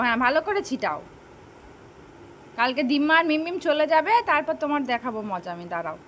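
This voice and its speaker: A woman's voice: high voice, a bit bright, a little hiss or hum. A woman vlogging at home with a sore throat from a cold, chatting and talking sing-song to her child. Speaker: vlogger and mother. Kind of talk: casual home vlog. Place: home, indoors.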